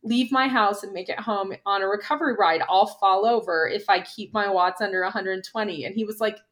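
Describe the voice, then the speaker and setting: A woman's voice: medium pitch, a bit bright. A middle-aged woman, a former pro cyclist and coach, chatting casually in an interview and telling stories with lots of "like". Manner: chatty, quick storyteller with frequent "like".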